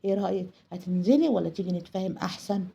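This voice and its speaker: A woman voicing a cold, threatening Egyptian man who blackmails a young woman, in a husky, gravelly tone. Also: high voice, very fast, warm tone. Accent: Egyptian Arabic. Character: menacing blackmailing man, middle-aged.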